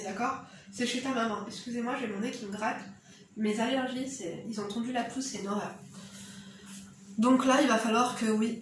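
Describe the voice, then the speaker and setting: A woman with an eastern Algerian accent speaks frankly and directly, handing out motherly advice in a casual commentary to camera. Her voice sits a little high. She is recorded in a very echoey room from some distance, with faint background noise. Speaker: YouTuber.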